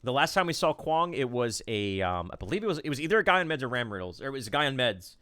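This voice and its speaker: Excitable male esports caster, rambling commentary. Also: medium pitch, quick pace, clean tone. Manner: rambling, excitable play-by-play with fillers.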